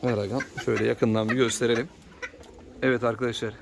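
A man vlogging as a poultry hobbyist, chatting to viewers and softly coaxing his birds to come and calm down. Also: medium pitch, quick pace, vocal fry. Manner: coaxes birds with soft repeated calls; lively, chatty, addresses viewers directly. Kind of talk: casual vlog, unboxing birds for viewers. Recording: loud background noise with clucking chickens.

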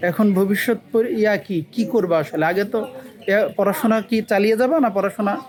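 On location in a village, the channel host questions people informally and probingly, his voice high and quick with fairly even intonation. He has a Bangladeshi Bengali accent, and crowd chatter is audible behind him.

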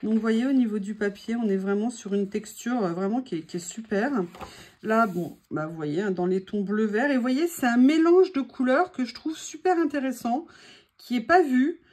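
A crafting vlogger from France, speaking at normal speed in a slightly high, darkish voice, walks through her craft-paper haul. The chat is relaxed and excited, with many ums and hesitations.

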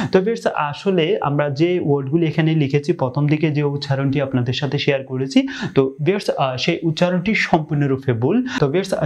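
A Bangladeshi man teaching English pronunciation in a video lesson, speaking slowly with frequent pauses and repeating each word for drilling. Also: a little high, darkish tone, dull audio.

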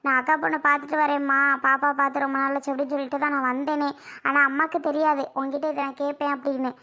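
A young mother in a homemade family drama, anxious and insistent as she begs to be taken back to her child, played by a woman. Her voice sits very high and stays pleading and worried throughout. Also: level tone, racing, pushed and bright. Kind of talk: amateur family drama skit.

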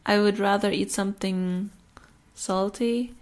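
Slow, easygoing woman who laughs a lot. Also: mid-range voice, fairly even intonation. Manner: slow, chatty, laughs often mid-sentence. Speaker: podcast host. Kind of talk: casual chat.

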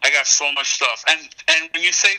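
A man's voice: a little high, fairly quick, bright, forceful tone, smooth, rough recording. Slangy man on speakerphone. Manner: laid-back and slangy, says "bro" a lot. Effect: heard over a phone speakerphone. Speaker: phone caller. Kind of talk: casual phone chat.

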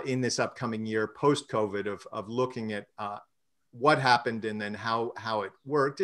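A man serving as treasurer presents a budget and runs a vote at an online council meeting, speaking in a measured way with many fillers and restarts. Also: medium pitch, fairly bright tone. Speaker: treasurer and finance committee chair.

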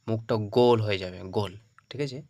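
A man teaching the Arabic alphabet for Quran reading. He calls out each letter loud and drawn out, then explains it softly, checking in with his listeners after every point. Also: lowish voice, normal speed. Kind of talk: Arabic alphabet pronunciation lesson.

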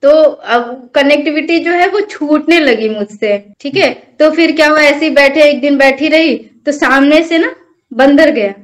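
A woman's voice: high voice, measured pace. A young woman earnestly recounting a personal devotional experience as an interview guest, telling it as a story. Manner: earnest, storytelling, addresses host as bhaiya. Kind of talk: personal testimony in conversation.

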